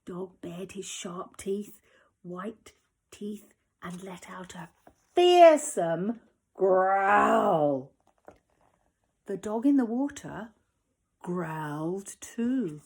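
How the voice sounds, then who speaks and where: At home, a female primary school teacher reads a children's story extremely slowly, leaving long pauses, her medium-pitched voice husky. She's expressive and whispers through the suspenseful bits.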